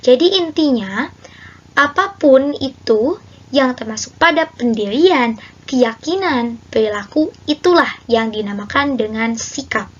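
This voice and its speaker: High-voiced young woman on a dull recording. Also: expressive, unhurried, husky. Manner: explanatory, sums points up in her own words. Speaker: student presenter. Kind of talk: explaining a class presentation.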